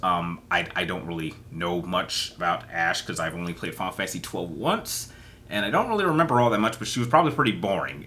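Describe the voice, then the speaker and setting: A man's voice: on the low side, pushed and bright. A man hosting a casual solo chat as he plays kiss-marry-kill, rambling and hesitant and often repeating his words. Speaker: host.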